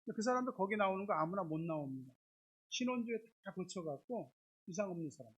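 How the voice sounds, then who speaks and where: A man preaches in a high, slightly husky voice, talking to his congregation in a loose, conversational way. The recording from the church sanctuary sounds somewhat dull and lo-fi. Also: expressive, quick pace. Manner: conversational, repetitive filler words. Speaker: pastor. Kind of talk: sermon.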